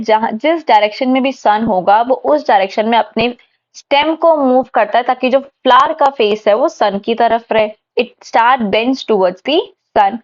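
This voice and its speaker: A woman teaching a science lesson, explaining step by step and asking her class questions that she answers herself. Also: a little high. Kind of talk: classroom lecture mixing Hindi and English. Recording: dull lo-fi recording.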